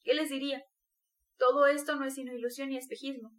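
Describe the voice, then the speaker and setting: A woman's voice: sits high, flat delivery, fast, a bit bright. A woman reading the part of a brooding, tormented young male student in an intense, bitter confession. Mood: scornful.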